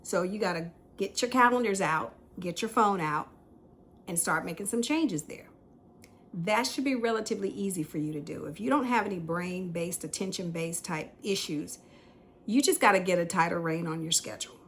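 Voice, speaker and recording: Middle-aged woman, low-pitched voice, casual chat, frequent laughs, faint background noise. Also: moderate pace, a bit bright. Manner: candid, self-deprecating, laughs often. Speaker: podcast host. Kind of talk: casual tea-time chat.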